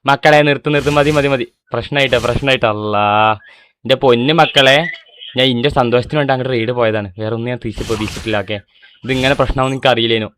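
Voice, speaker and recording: A man's voice: mid-range voice, fairly even intonation, rapid-fire, a bit bright, a little hiss or hum. A man, talking to his live-stream chat in a pleading, insistent way and swearing oaths that he is telling the truth. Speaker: livestreamer.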